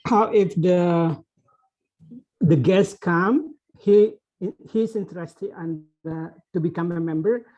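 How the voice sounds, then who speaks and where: Woman, very slow, mellow, halting question, muffled call audio. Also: fairly low pitch. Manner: halting and hesitant. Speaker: participant asking a question.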